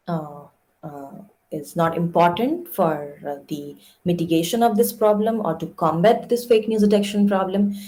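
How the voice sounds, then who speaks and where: A woman's voice: low-pitched, mellow. A young woman giving an academic lecture, explaining step by step with frequent "uh" fillers. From India. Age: young adult. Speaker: guest lecturer.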